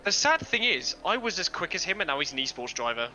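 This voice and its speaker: A man's voice: fairly high pitch, very animated, quick pace, pushed and bright, a little hiss or hum, poor audio. A man streaming a sim race, chatting casually on a headset, self-deprecating and swearing now and then. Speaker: streamer and sim racing driver. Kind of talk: casual chat while racing.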